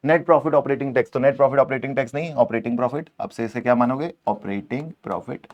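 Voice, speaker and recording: A man's voice: mid-range voice, fast, muffled recording. A man teaching an exam-prep accounting lesson, playfully scolding the answer options and switching between Hindi and English.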